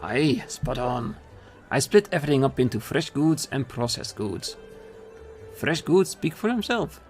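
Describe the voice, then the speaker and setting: A man's voice: medium pitch, very animated, unhurried, darkish tone, soft background music. A man voicing a brusque middle-aged market trader with a put-on Scottish accent, giving blunt instructions sprinkled with dialect words. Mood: brisk.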